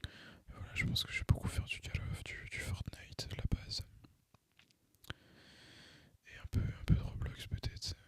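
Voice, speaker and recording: This young Frenchman, an ASMR gaming creator, murmurs in a fierce whisper with no voiced sound. He speaks at a measured pace and pauses often, keeping his gameplay chat loose, slangy and tentative. The recording is dry.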